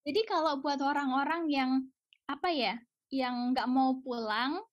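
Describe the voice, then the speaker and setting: This woman, a podcast guest from Indonesia who does research in Japan, talks in a casual but emphatic way, voicing strong opinions, asking rhetorical questions and slipping in occasional English. She has a high voice, steady tone and measured pace. There's no room sound, though the audio is dull.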